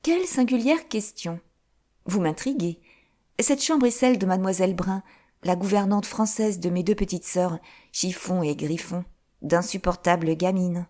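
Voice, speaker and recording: A woman reading an audiobook, voicing a bright, teasing young noblewoman with a lively, mocking manner. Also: lowish voice, moderate pace, lightly acted.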